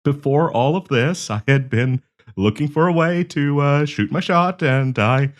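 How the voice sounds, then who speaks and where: In an intimate audio roleplay, a man with a fairly high voice plays a nervous, awkward young man shyly confessing his love to a friend. His acting is light and his pace measured, with stammering and hesitation that sound earnest.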